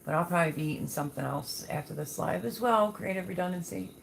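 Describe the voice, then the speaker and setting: A woman's voice: deep voice, expressive, quick pace, vocal fry, slight background noise, low-quality recording. A woman hosting a casual live chat, talking in a folksy, affectionate way as she reads and answers viewer comments. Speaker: livestream host.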